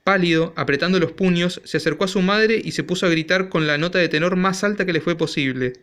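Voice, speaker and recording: A man's voice: high voice, fast talker, a bit bright. A man narrating a classic short story as an audiobook with dramatic storytelling. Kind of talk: audiobook reading.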